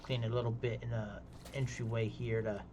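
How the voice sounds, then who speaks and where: A man's voice: medium pitch, level tone, moderate pace, background noise. A man chatting casually while playing a game on a live stream, rambling between topics and laughing easily. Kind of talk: casual gaming chat.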